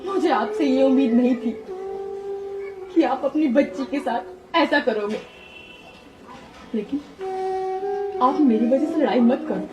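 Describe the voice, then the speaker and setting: Tearful young daughter, played by a woman, slow speech, high voice, music underneath. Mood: sorrowful. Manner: slow, sorrowful. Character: young wife cast out, tearful and resigned. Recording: music behind.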